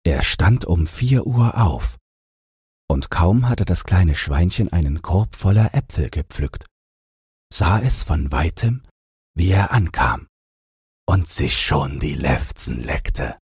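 Deep, gravelly male fairy-tale narrator. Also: no echo, clean studio sound. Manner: slow, expressive storytelling. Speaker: audiobook narrator. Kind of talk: fairy-tale audiobook reading.

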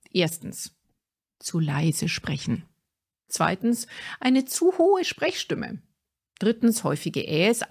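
A middle-aged woman, a speaking coach, giving a clear and deliberate instructive talk from a script. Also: fairly low pitch, darkish tone. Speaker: speaking coach and podcast host.

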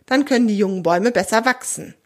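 A woman's voice: medium pitch, animated, normal speed. A woman voicing a proud, friendly female wild boar in a children's audio story, speaking with dignity and easy indignation. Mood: indignant.

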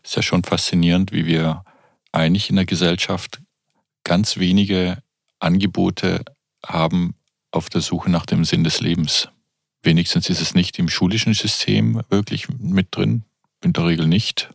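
Deep, gravelly man in his fifties. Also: level tone, unhurried, dry recording, studio quality. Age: 50s. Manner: reflective, searching for words with frequent fillers. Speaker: podcast host. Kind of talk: reflective conversation.

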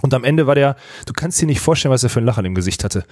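A man's voice: mid-range voice, expressive, very fast, a little mellow, no echo, studio quality. A man co-hosting a casual podcast chat, telling a story with enthusiasm, many restarts and fillers. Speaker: podcast co-host.

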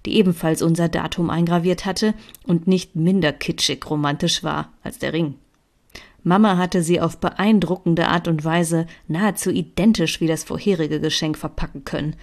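Brief: woman narrator, lowish voice, steady first-person story reading. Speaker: author reading her own story.

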